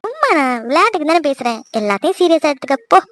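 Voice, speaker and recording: A woman's voice: sits high, very animated, very fast, fairly bright tone, no room sound, studio quality. A woman voicing a cheeky younger sister who teases her brother and chatters curiously. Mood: teasing. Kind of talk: cartoon voice acting.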